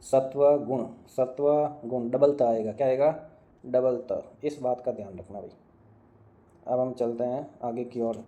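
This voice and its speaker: Man with dark flat voice drilling words. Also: medium pitch, muffled recording. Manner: drilling students with quick questions and answers, repeating words. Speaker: Hindi grammar teacher. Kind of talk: online exam-prep lesson.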